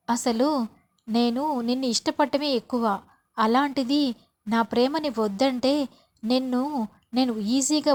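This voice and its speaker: A woman's voice: on the high side, darkish tone, close to an everyday voice. A woman voicing a jealous, spiteful young woman who speaks bitterly and threatens in a serial retelling.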